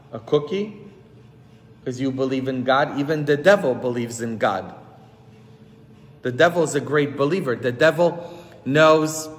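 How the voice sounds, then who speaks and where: A man in his thirties, a priest giving a sermon on a headset mic, preaching emphatically with big swings in pitch and loudness. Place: church sanctuary with long reverb. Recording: hall reverb from church.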